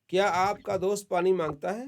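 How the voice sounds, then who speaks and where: A man's voice: high voice, steady tone. A man teaching an online Arabic grammar class, patiently correcting students and praising them often.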